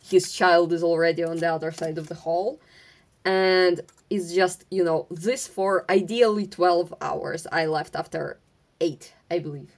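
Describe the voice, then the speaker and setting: This young woman, a Ukrainian vlogger with a matching accent, rambles casually while going through craft supplies at home. Her speech halts with many fillers and restarts and sometimes a stutter, delivered in a lowish, steady tone.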